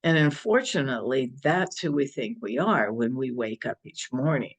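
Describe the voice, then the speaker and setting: A man giving a spiritual talk and guided affirmation as a service leader, with measured, deliberate phrasing. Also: mid-range voice, lively intonation. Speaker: spiritual service speaker leading a ceremony.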